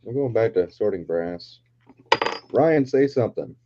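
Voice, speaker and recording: On a casual chat show, a late-twenties podcast host jokes around with his friends and swears freely. He speaks a little slowly in a voice that's on the low side but expressive. The recording is dull lo-fi audio with a trace of noise.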